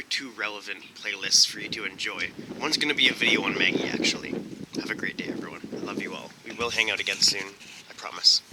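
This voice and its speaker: Laid-back man reviewing snacks in wind. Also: lowish voice. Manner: laid-back, rambling, thinks aloud. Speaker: food review host. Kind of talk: casual snack review vlog. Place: outdoors. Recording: windy outdoor recording. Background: wind noise.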